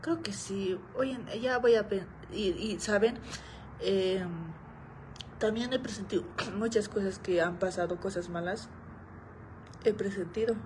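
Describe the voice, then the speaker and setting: A woman's voice: medium pitch, unhurried, darkish tone, slight background noise, rough recording. A young woman vlogger casually telling a story to her viewers, chatty, repeating phrases and often calling out to them.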